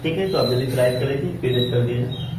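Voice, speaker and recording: Hindi teacher in an echoey classroom. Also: male voice, mid-range voice, fast talker, far from the mic, background noise. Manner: repetitive, asks and answers his own questions. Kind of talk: classroom lesson.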